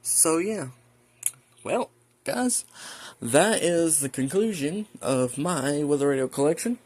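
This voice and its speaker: This American man's voice is a little high and darkish, with lively intonation and a slow pace. He hosts a hobby show-and-tell vlog from a room at home, rambling folksily and muttering to himself in asides.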